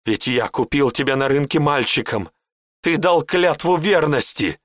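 A man voicing an enraged male warlock who screams curses in a high strained voice. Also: animated, a little slow, a bit bright, dry recording, studio quality. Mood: furious. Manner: screaming curses, shrill with rage.

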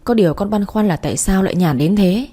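A woman's voice: mid-range voice, fast talker, mellow, slightly rough, lightly acted. Woman voicing a cheerful, curious young daughter.

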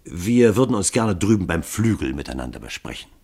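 A male reader plays the measured spokesman of a band of killers, formal and courteous. A husky voice with a lively melody carries the audiobook reading. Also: deep voice, full character voice.

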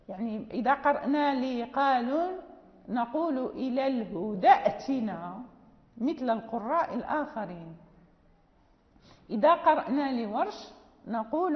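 A woman teaching Quran recitation rules, explaining patiently and slowly chanting example verses, firmly stressing the rules. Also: high voice. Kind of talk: lecture on tajweed. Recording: dull lo-fi sound with long reverb.

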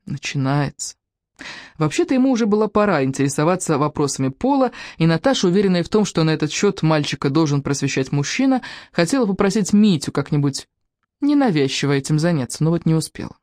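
A woman narrating a novel as an audiobook reader, in a measured storytelling manner. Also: low-pitched, sing-song, darkish tone, no room sound, studio quality. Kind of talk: scripted narration.

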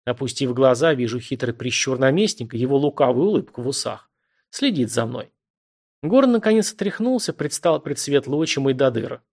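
A man narrating a first-person audiobook in a vivid, expressive reading style. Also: medium pitch, brisk.

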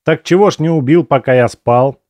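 A biting, sarcastic young prisoner snapping back at his cellmate, as a male narrator plays him. His retorts jump well above the reading voice and come out loud, yet stay dark in colour and dry, with no room around them. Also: medium pitch, fairly quick, no echo, voice pushed up, lightly acted.

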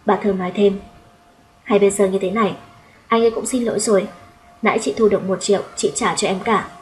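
A woman's voice: mid-range voice, fairly even intonation, fairly quick, darkish tone, slight background noise, poor audio. A woman reading a first-person audio story aloud and voicing its dialogue in her own voice. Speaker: audiobook narrator. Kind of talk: storytelling narration with character dialogue.

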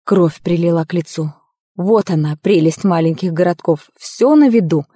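Woman, audiobook narrator, low pitch, mellow, dry, expressive first-person reading. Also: moderate pace, breathy edge, dry recording.

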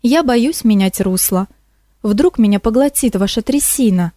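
A woman's voice: a little high, unhurried, warm tone, no echo, studio quality, close to an everyday voice. A woman voicing a wary, muttering female stream who murmurs and hesitates, in a storybook reading.

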